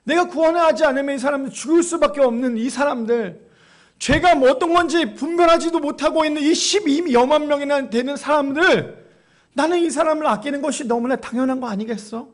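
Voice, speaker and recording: A man's voice: very high-pitched, brisk, pitched above the performer's own voice. A man voicing God, who reasons with a sulking prophet in pleading questions.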